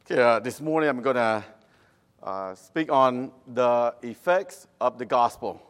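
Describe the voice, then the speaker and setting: Male missionary preacher, Cambodian accent, Khmer native, halting sermon delivery in non-native English. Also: medium pitch, animated, smooth. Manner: halting, with nonstandard English phrasing. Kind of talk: church sermon.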